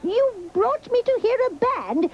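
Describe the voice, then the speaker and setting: A woman's voice: extremely high pitch, very animated, measured pace, highs cut off, full character voice. A woman voicing a fussy, hard-of-hearing old grandmother in a cartoon who mishears everything. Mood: muddled. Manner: doddering, mishears things. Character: old deaf grandmother animal, fussy and muddled.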